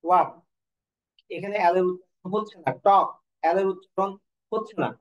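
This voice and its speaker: A man's voice: high-pitched, fast, darkish tone, dull audio. A man teaching an online class, asking questions and answering them himself, sometimes correcting himself. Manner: corrects himself mid-sentence. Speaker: Bengali teacher.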